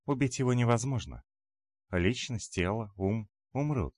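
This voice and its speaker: A man's voice: medium pitch, lively intonation, measured pace, a little mellow, no room sound, studio quality, pitched above the performer's own voice. Man reading a grave fantasy heroine. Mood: solemn. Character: grave young woman warrior, knowing.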